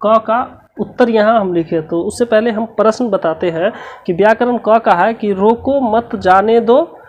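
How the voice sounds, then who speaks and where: A woman's voice: mid-range voice, moderate pace, a little mellow. A woman teacher going through a textbook lesson's questions, explaining each answer step by step and repeating the key words.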